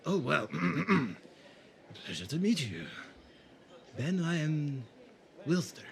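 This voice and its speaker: In a fan audio drama, a man plays a polite, bashful market stallholder selling pottery, courteous and a little hesitant, with a bashful, wistful mood. His voice is on the high side, sing-song, slow, and gravelly, heavily acted, with a little hiss or hum in the recording.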